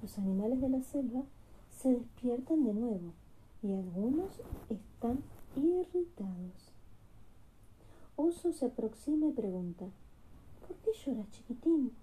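A woman reading a storybook aloud to her child at bedtime, gentle and expressive. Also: fairly high pitch, a little slow, rough recording.

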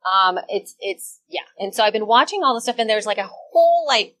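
A woman's voice: medium pitch, expressive, brisk, a bit bright, rough recording. A woman from El Salvador, a podcaster guest, chatting casually and rambling with many fillers and restarts.

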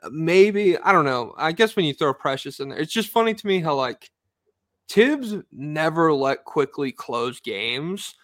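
A man's voice: on the high side, animated, a little slow, a bit bright, dry recording. Rambling casual man, dry sound. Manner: loose, rambling, frequent fillers and swearing. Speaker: podcast co-host. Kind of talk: casual basketball chat.

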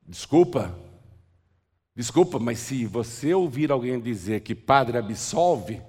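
A man's voice: medium pitch, animated, slow, dark tone, breathy edge. A man preaching a sermon, joking and acting out a street scene with a volunteer. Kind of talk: sermon with live role-play. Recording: long hall reverb.

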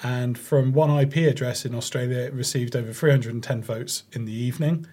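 A man co-hosting a comedy podcast, telling a news item in a halting, filler-heavy way. His voice sits at an ordinary middle pitch. He keeps picking his thread back up through the casual banter. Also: fairly even intonation, dark tone. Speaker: podcast co-host reading out news.

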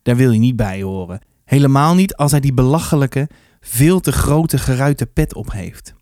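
A man reading a children's book aloud, telling it in a lively first-person voice. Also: mid-range voice, moderate pace, dry recording, clean studio sound. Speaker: storybook reader.

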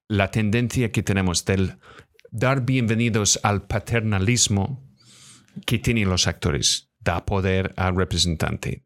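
A man co-hosting a live stream about acting, answering viewer comments in a halting way with frequent "sabes?" fillers and slightly non-native phrasing. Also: on the low side, a bit bright. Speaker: co-host and voice actor.

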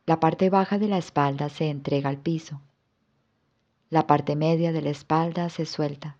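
A woman yoga instructor guiding a yoga nidra relaxation with soft, calm instructions. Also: low-pitched, moderate pace, dull audio.

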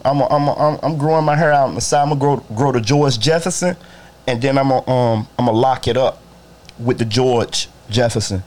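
A man who cuts hair talks casually and bluntly to viewers on a livestream, cursing freely and greeting them by name. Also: a little fast. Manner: profane, blunt, talks to viewers directly, swings between loud and low. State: bothered by allergies. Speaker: barber livestreaming to followers.

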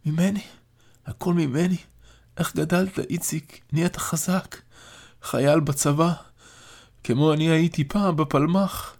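A man's voice: fairly high pitch, steady tone, vocal fry, pauses often, a little mellow, pitched above the performer's own voice. A man voicing a frail elderly father in an audiobook, speaking in a weak, faint voice. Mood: weak, tearful. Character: frail elderly dying father, tearful and tender.

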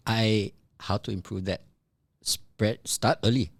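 Man, 30s, podcast host, lowish voice, dry close sound, relaxed reflective chat. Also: slow pace, creaky, no room sound. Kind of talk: casual chat among friends.

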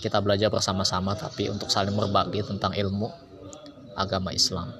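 A man preaching an Islamic lesson, explaining slowly with chatty asides. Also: lowish voice, monotone. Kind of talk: casual sermon. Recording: music behind. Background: music.

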